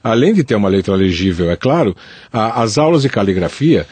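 Low-voiced São man, halting. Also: sing-song, a little mellow, breathy edge, no room sound. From São Paulo, Brazil. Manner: halting, repeats words while explaining. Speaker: Portuguese teacher co-host. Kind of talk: casual radio chat.

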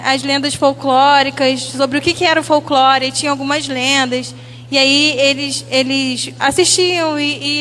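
A woman teacher walks through her class projects with frequent pauses and self-corrections. Her voice sits high and bright, and a long hall reverb trails her words. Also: a little hiss or hum. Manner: hesitant, many fillers and restarts, reading from notes. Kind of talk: presentation of school activities.

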